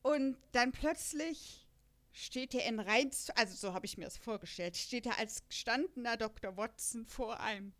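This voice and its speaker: Slightly high in pitch with a fairly bright tone, this young woman's voice moves at a moderate pace. She hosts a casual podcast chatting about an audio drama, rambling through long explanations with many fillers and laughs sprinkled between points.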